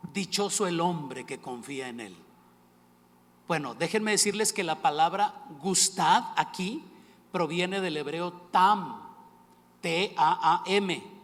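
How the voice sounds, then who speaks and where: A man's voice: sits high, a bit bright. Preaching man in a reverberant hall. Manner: engaging, asks the congregation questions. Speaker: pastor. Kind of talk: sermon.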